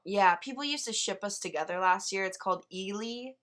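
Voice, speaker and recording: A teenage girl co-hosting a casual podcast chat, loud, blunt and teasing. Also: medium pitch, fairly quick. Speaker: podcast co-host.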